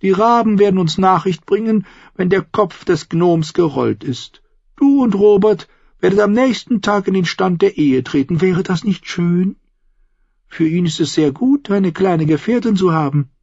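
Lysa, a shrill imperious aunt done by a man. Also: animated, a little slow, creaky, a little mellow, slightly rough, no echo, lo-fi sound, full character voice. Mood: scheming. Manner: high-pitched, scolding, vehement. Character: shrill, imperious aunt, a noblewoman, middle-aged and hateful.

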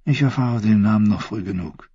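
A man's voice: fairly low pitch, fairly quick, warm tone, breathy edge, dry recording. A man voicing a proud, scheming queen who talks in a cool, commanding and teasing way. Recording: dull, dry recording.

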